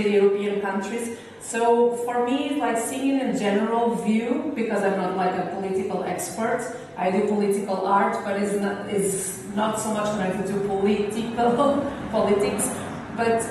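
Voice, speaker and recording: A woman with a native Portuguese speaker's accent answers interview questions in an informal, reflective way. Her mid-pitched voice comes from some distance, with strong echo around it. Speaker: visual and performance artist being interviewed. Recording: echoey hall, distant mic, faint noise.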